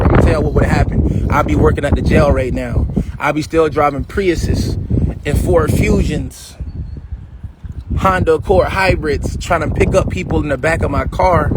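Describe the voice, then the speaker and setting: A vlogger in his fifties talks casually to his livestream viewers, boasting with swagger, calling them "y'all," and acting out past conversations in quotes. His voice is a little high, with heavy background noise.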